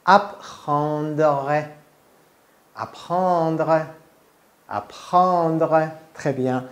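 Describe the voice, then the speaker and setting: A man teaching a language lesson, talking informally to the learner and drawing out words slowly for the learner to repeat. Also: mid-range voice, a little mellow. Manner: slow drawn-out model pronunciation, direct and informal. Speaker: French teacher.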